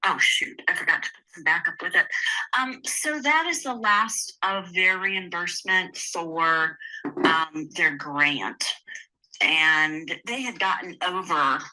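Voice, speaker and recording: A woman heard over a speakerphone, explaining figures in a quick, plain-spoken, matter-of-fact way. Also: fairly low pitch, bright, forceful tone, poor audio. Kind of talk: casual explanation on a call.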